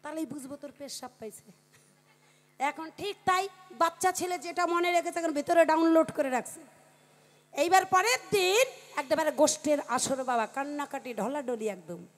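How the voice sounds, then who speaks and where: A woman with a high voice tells a comic folk tale to a live audience. She speaks into a stage microphone and keeps calling out to the listeners. Her delivery is lively and chatty. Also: normal speed. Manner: lively, calls out to the crowd. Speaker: folk performer telling a comic story.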